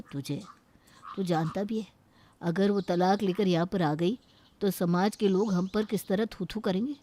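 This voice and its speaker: A woman's voice: medium pitch, dark tone, natural voice. A woman voicing a stern, traditional older father in a cartoon story, lecturing about family honor.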